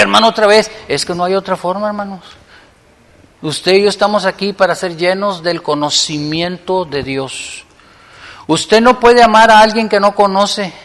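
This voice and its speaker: Male preacher, higher voice, impassioned sermon delivery, reverberant hall. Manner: impassioned preaching, swinging between loud appeals and hushed prayer. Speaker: pastor.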